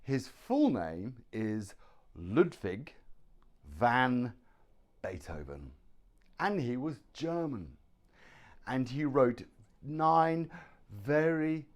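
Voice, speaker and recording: A middle-aged man with a British accent teaching pronunciation, slowly repeating words and sounds. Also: medium pitch, sing-song. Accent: British English. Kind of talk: slow pronunciation lesson.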